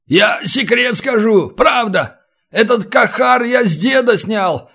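In an audiobook, a man doing a terrified young bandit, begging in a rush. His pleas climb high and break into shouts of panic. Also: expressive, slow pace, gravelly, breathy edge, full character voice. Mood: panicky. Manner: pleading, panicky.

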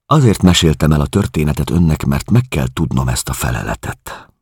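A man's voice: extremely low pitch, very animated, husky, dry recording, clean studio sound, heavily acted. A man reading a grieving, haunted refugee. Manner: quiet, confessional, searching. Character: grieving middle-aged male refugee, haunted and desperate. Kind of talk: audiobook reading.

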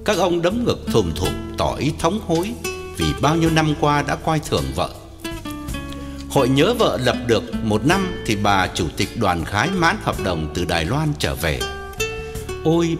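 A man narrating a story as an audiobook reader, expressive and swinging his pitch. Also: moderate pace. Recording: long hall reverb, guitar music behind.

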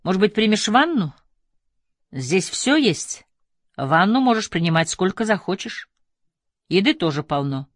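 A narrator voicing a calm, soft-spoken older man, a crime boss giving quiet, measured orders in an audiobook. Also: high-pitched, no room sound, clean studio sound, exaggerated voice.

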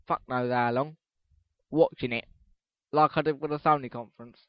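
A teenage boy with a slightly high voice runs his solo podcast, rambling loosely, cursing offhandedly and breaking off mid-sentence. The recording is dry and dull, like a cheap home mic. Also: dry recording. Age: teens. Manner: rambling, swears casually, restarts sentences. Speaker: podcast host.

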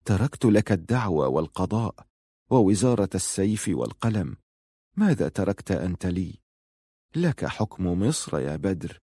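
A man's voice: fairly low pitch, normal speed, pauses often, darkish tone, no echo, studio quality, natural voice. A man voicing an aggrieved male caliph, speaking in a subdued, reproachful way in an audiobook reading.

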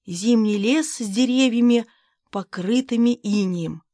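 A woman reads a first-person novel aloud in a brisk, lively way. Her voice sits a little high. The recording is close and dry, with no room echo. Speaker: audiobook narrator. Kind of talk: scripted narration.

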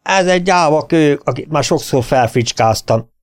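A man voicing a freckled young cowboy who shouts in a sharp, challenging way. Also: fairly high pitch, animated, voice pushed up, natural voice. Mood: shrill, defiant.

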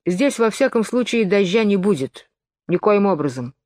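A woman's voice: mid-range voice, animated, normal speed, a little mellow, no room sound, studio quality, close to an everyday voice. A woman voicing a smug, quarrelsome little twin brother who lectures and contradicts, in a storybook reading.

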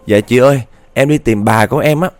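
A man's voice: medium pitch, brisk, smooth, faint music behind, natural voice. Man voicing an eerie ghost girl. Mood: innocent.

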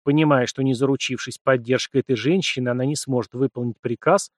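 A man's voice: medium pitch, fairly even intonation, brisk, no echo, studio quality. Man narrating an audiobook.

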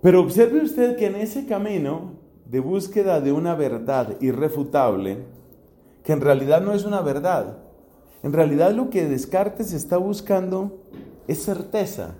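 A middle-aged man from Colombia, a priest, giving a philosophy lecture in a slow, deliberate way with rising emphasis. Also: a little high, animated, mellow. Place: classroom or hall. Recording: echoey room.

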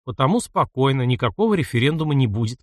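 Brief: jittery low-voiced officer read by a man, quiet and unsteady. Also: very animated, fast talker, dry recording, studio quality. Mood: nervous. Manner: quiet, shaky voice. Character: nervous trembling male commandant.

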